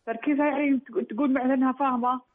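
A middle-aged woman calls in to a radio show and recounts her question at length, hesitantly and with frequent restarts. Her high voice is very fast with fairly even intonation, coming through a tinny phone line.

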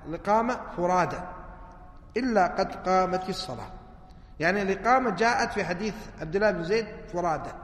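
Explaining hadith, this religious teacher often asks his audience rhetorical questions before supplying the answers. His expressive voice sits high for a man, and the audio has the long reverb of a spacious hall.

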